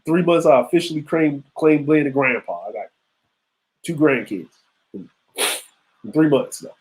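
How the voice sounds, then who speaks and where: A man's voice: a little high, moderate pace, darkish tone, rough recording. A man around forty hosting a live stream, talking loosely and conversationally with slang and asides to his chat. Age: 40s. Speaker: show host. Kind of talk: casual live-stream commentary.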